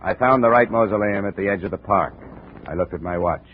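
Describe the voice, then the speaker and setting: In a noisy, tinny old recording of a 1950s radio detective drama, an American actor serves as lead and narrator, playing a tough, unflappable insurance investigator. His male voice is lowish, fairly quick and natural, delivering dry narration in a clipped, hard-boiled, wry manner.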